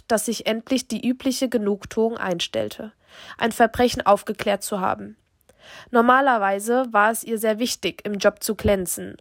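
A woman reads a crime novel in a steady, measured narrating voice. Her pitch sits in the middle of the range and the recording is dry and close, with no room echo. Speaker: audiobook narrator.

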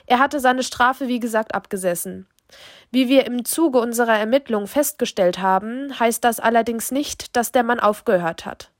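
A woman's voice: fairly high pitch, normal speed, no room sound, clean studio sound, natural voice. A woman voicing a composed female police detective who questions in a sober, matter-of-fact way. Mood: sober, probing.

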